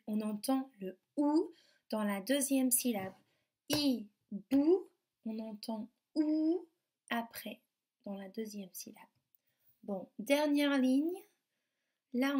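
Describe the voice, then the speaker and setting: A woman teacher with a French accent gives a remote lesson to young children, stretching out words and articulating slowly and clearly. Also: a little high, a little mellow.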